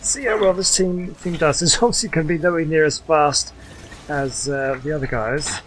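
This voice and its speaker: A gaming video creator mutters casual running reactions as he plays, with game music and sounds behind him. His voice is on the high side and a bit bright at normal speed, and the poor audio carries some hiss or hum.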